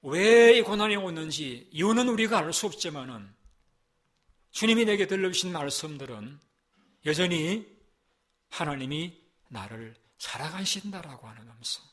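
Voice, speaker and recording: A male pastor giving a Sunday sermon, emphatic and repetitive, swinging between loud stressed phrases and soft low passages, with rhetorical questions to the congregation. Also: lively intonation, normal speed.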